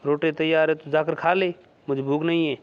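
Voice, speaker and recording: A man's voice: fairly high pitch, fairly even intonation, brisk, clean tone, lightly acted. A man voicing an irritable, troubled young village man in a read-aloud story. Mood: curt. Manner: terse, irritable. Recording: dull lo-fi recording.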